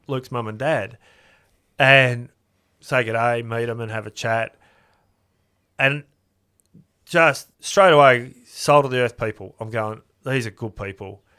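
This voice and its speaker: A man's voice: medium pitch, pushed and bright, clear, resonant tone. An Australian man, a podcast guest, telling a story in a casual, chatty way and acting out both sides of remembered conversations. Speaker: podcast guest, custom car builder.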